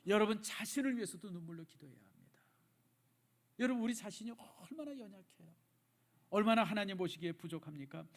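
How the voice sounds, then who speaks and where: A middle-aged male pastor preaching in a church, emotive, dropping from loud emphasis to hushed, near-whispered repeats. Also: fairly high pitch. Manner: addresses the congregation directly, repeats phrases for emphasis. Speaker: senior pastor. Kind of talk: sermon. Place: church sanctuary.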